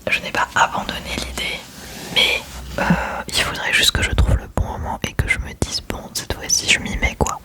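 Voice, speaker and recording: A young woman whispering casual ASMR chat into a close microphone while doing her makeup at home, chatty and self-mocking. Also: moderate pace. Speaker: ASMR creator.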